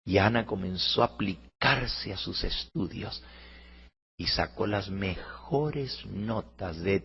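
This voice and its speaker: Gravelly man telling a story. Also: fairly low pitch, takes it slowly. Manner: expressive, swells louder at emotional moments. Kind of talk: storytelling narration. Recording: muffled lo-fi recording.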